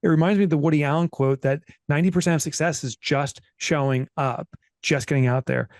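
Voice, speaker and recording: A man's voice: on the high side, steady tone, fairly quick, no room sound, studio quality. A man co-hosting a podcast, steering a casual group chat in an upbeat way. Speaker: podcast co-host.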